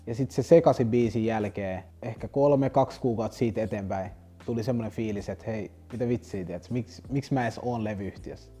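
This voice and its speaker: A man's voice: medium pitch, mellow. A young man, a rapper telling stories in a loose, rambling interview. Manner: loose, rambling slang-heavy telling with restarts. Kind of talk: casual storytelling interview.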